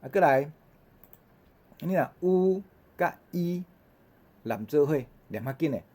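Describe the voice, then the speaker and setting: A man with a Taiwanese accent teaching vowel sounds in a recorded lesson, repeating each sound in slow drills with frequent "ha" fillers. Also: fairly high pitch, expressive, darkish tone. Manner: habitual "ha" fillers between drills. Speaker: language teacher.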